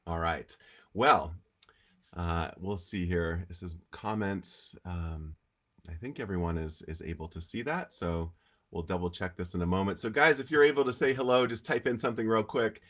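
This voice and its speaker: A man with a slightly low voice hosts a casual weekly livestream talk on healing. Allergies leave him congested and nasal. He chats in a relaxed, easygoing way. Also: moderate pace. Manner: relaxed, chatty, with frequent fillers.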